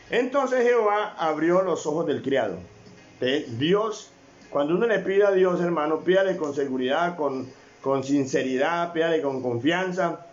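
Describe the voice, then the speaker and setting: A man's voice: on the high side, muffled recording. A man preaching a sermon as a pastor, often calling on his brothers, asking rhetorical questions and repeating phrases.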